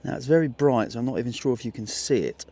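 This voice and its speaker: A man from England vlogging while metal detecting in a muddy field, chatty and excitable, talking straight to his viewers. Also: medium pitch, quick pace. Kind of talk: casual outdoor vlog narration.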